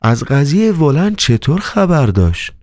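A man doing a flustered, shouting theater manager. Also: fairly high pitch, very animated, dry recording, clean studio sound, voice pushed up. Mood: agitated. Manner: exclaiming, agitated. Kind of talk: audiobook character voice.

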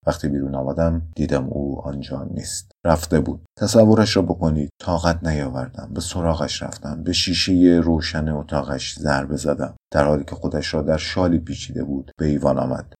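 A man reading a story aloud in a somber, measured first-person narration. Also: rumbling low, darkish tone, breathy edge. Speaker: audiobook narrator.

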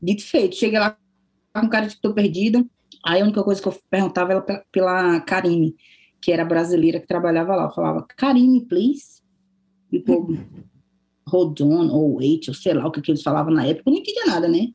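A Brazilian woman chatting casually as a guest, telling an animated story and acting out the lines of the people in it. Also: on the low side, fast. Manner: animated storyteller who acts out quoted dialogue. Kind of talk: casual chat.

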